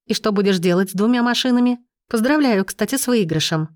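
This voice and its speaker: A woman reading an audiobook, voicing an indignant, sharp-tongued young woman who hisses sarcastic retorts, in a dry, close recording. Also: mid-range voice, lively intonation, quick pace, dry recording, pitched above the performer's own voice, close to an everyday voice. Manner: hissing, sarcastic outbursts.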